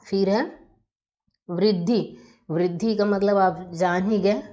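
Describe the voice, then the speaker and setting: Slow patient woman teacher. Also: medium pitch, fairly even intonation, mellow. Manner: patient, asks and answers her own questions. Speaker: Hindi grammar teacher. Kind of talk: explaining a grammar lesson. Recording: dull lo-fi recording.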